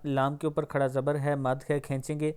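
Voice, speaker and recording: Man slowly drawing out recited words. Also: mid-range voice, flat delivery, a little mellow, clean tone. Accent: Pakistani Urdu. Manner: drawls words slowly to model, then explains quickly. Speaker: Quran recitation teacher. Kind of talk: pronunciation lesson.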